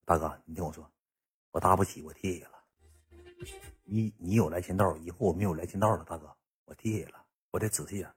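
A man's voice: deep voice, fast, pauses often, breathy edge, pitched below the performer's own voice. A man voicing a sheepish young man who mumbles apologetically while pleading about money.

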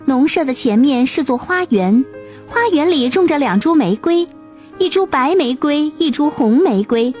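A woman with a high-pitched voice narrates a children's fairy tale as a scripted storyteller. Faint music plays behind her. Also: animated, moderate pace, a little mellow.

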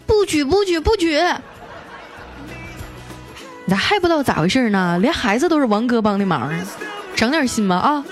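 Over music and crowd noise, a woman with a sing-song voice on the high side reads out jokes from listeners on the radio. Her lively comic delivery is playful and chatty, with teasing comments of her own and drawn-out particles.

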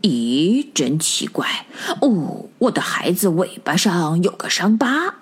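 A woman voicing a calm, clever mother rabbit in a storybook, in a lower, measured motherly tone. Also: husky, heavily acted. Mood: puzzled.

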